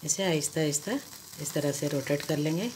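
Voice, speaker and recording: Low-voiced woman explaining a home recipe. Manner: slow, patient explaining with many pauses and restarts. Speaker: cooking vlogger. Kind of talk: step-by-step cooking instruction. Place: home kitchen, indoors. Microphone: camera above the hands, speaker off-screen. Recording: home kitchen with audible stove noise. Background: sizzling and frying sounds.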